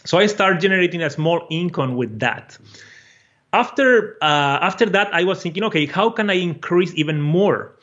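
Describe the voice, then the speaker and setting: A Brazilian man with a Brazilian Portuguese accent, an online course creator, tells his story as a guest in a casual interview. His voice sits high and is expressive and a bit bright, at a moderate pace, and the sound is lo-fi. Eager, he often repeats words while hunting for the right phrasing.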